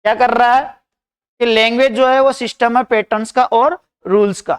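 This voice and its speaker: Hindi teacher giving a slow, clear exam lecture. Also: male voice, very high-pitched, fairly even intonation. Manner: reads English points slowly then explains in Hindi; repeats "dhyan rakhiyega" and "bhai" often. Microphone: screen recording.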